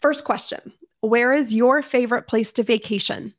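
A woman's voice: on the high side, moderate pace. A woman hosting a casual interview podcast, enthusiastic and affirming toward her guest. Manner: enthusiastic, affirming, says amen. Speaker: podcast host.

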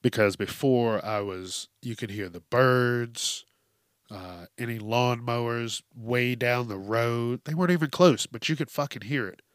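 His mid-range voice moves at a measured pace in a dry recording as he hosts a podcast by himself. The man is congested from allergies and talks casually through blunt, emphatic rants laced with profanity, right up on a close hypercardioid mic.

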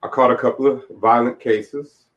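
The interview guest is an author in his late forties reflecting candidly and plainly on his life story. He speaks at normal speed in a mid-range voice with fairly even intonation, on dull, lo-fi audio.

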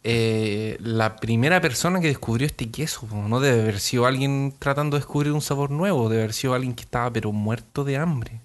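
Man, middle pitch, casual podcast chat, thinking aloud. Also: brisk, few pauses. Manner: reasoning aloud with restarts. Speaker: podcast co-host.

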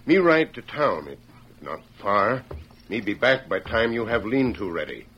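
A man playing a loyal, stoic western sidekick in clipped, halting broken English, in old radio drama style. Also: lowish voice, sing-song, fairly bright tone, exaggerated voice. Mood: stoic, willing. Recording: dull, very noisy old radio recording.

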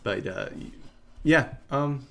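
A man's voice: medium pitch, animated, takes it slowly, creaky, bright, forceful tone. A man hosting a podcast, chatting casually and thinking aloud about hockey schedules. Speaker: podcast host. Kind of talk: casual sports chat.

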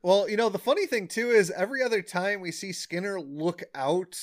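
A man co-hosting a podcast in casual chat about an episode, enthusiastic and quick to laugh, often correcting details. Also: high-pitched. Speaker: podcast co-host.

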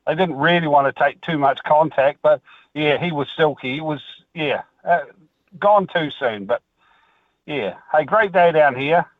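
A man's voice: a little high, measured pace, dry recording. An older man with a New Zealand accent calling a radio show for a casual chat about sport. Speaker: radio phone-in caller. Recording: tinny dry phone line.

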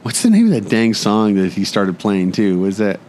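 A man's voice: fairly low pitch, very animated, moderate pace, a little mellow, a little hiss or hum. A man co-hosting a podcast from a recording studio, bantering casually, joking about himself and laughing often. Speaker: podcast co-host. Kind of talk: casual chat.

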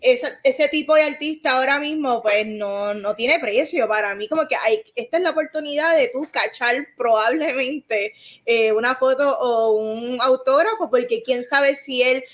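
A woman's voice: sits high, normal speed. A woman with a Puerto Rican Spanish accent co-hosting a podcast, chatting freely and dropping English words into her Spanish. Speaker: podcast co-host. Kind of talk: casual chat.

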